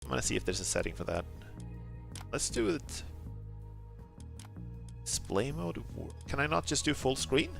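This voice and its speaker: A man doing casual live gameplay commentary in an excitable, rambling, jokey way. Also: mid-range voice, normal speed, gravelly, pauses often. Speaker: game streamer. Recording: game music behind the voice. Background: video game music.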